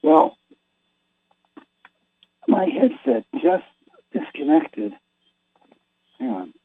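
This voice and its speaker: A male radio host on a conference call whose voice comes through muffled and bass-only from a failing headset, checking whether the line works. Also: huge pitch swings, very slow, creaky, husky, no room sound. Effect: muffled, bass-only sound from a failing headset. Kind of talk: casual radio call-in chat. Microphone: Bluetooth headset. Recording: tinny phone conference line.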